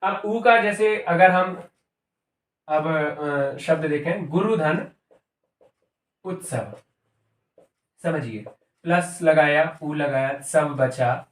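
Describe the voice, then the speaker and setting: A man's voice: fairly high pitch, drawn-out words, pauses often, distant mic. A man teaching a grammar lesson, explaining step by step and repeating each term as he goes. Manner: explains step by step, repeating terms and asking "ठीक है". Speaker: Sanskrit and Hindi grammar teacher. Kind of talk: classroom-style grammar lesson. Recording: echoey room, voice from off-mic.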